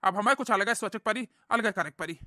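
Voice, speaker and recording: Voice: mid-range voice, normal speed, bright, forceful tone, dry recording, clean studio sound, natural voice. A voice actor playing a self-pitying old village husband, complaining plaintively in a cartoon comedy. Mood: resigned.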